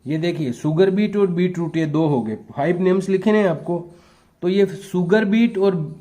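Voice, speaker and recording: A male teacher slowly dictating answers and translating each phrase for his pupils. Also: sits high, dark tone. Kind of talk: classroom lesson, bilingual explanation.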